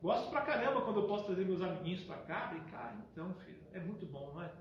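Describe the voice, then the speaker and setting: High-voiced man telling a story in an echoey hall. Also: quick pace. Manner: acts out dialogue, switching between a calm father and a pleading high-voiced son. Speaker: spiritist lecturer. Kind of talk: storytelling lecture. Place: spiritist center hall. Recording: echoey hall, distant lo-fi mic, faint hiss.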